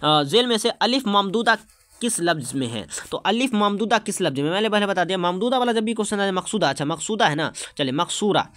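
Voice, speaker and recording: A man teaches an exam-prep lesson in a high voice, repeating each term and asking the class questions. The recording is dry and close, with no room sound. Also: animated, brisk, a bit bright, dry recording.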